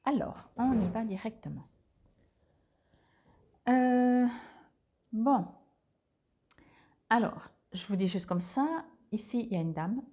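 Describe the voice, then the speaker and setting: A woman's voice: fairly high pitch, expressive, slow pace, pauses often, dark tone. A woman doing a casual monthly card reading on a clip-on mic, hesitant, with many fillers and restarts. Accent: Swiss French. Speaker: tarot card reader.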